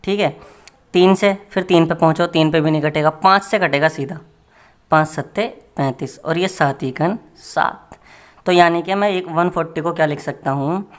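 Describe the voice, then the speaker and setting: A man's voice: on the high side, normal speed. Male maths tutor, casual and joking, friendly classroom patter. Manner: chatty and joking, addressing students as friends.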